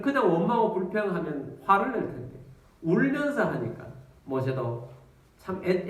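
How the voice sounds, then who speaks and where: A male pastor preaching a storytelling sermon to his congregation, calling out to them as he tells the story. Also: on the high side. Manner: storytelling, animated, addresses congregation. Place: church with congregation. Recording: echoey church from a distance.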